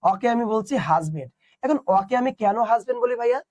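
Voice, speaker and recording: A man's voice: very high voice, expressive, fast talker, a little mellow, no room sound. A young man teaching an online class, explaining step by step and asking his students questions.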